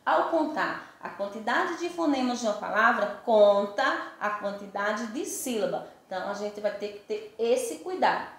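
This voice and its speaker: A woman's voice: fairly high pitch, animated, moderate pace, hardly any pauses. A Brazilian woman teacher giving a recorded school lesson, patiently spelling out letters and counting sounds aloud, often checking "right?" with her pupils. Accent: Brazilian Portuguese. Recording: very echoey room.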